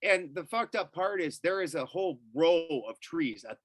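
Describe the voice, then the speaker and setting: A man's voice: on the high side, normal speed, dry recording. A middle-aged man telling a story as a podcast guest, casually and with a lot of swearing. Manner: profane, animated storyteller.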